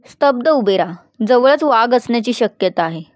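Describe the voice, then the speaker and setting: A calm, knowledgeable male forest guide in a storybook reading, voiced by a woman narrator. He explains steadily and firmly. The voice sits a little high and sounds dry and close. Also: normal speed, no room sound, natural voice. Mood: informative.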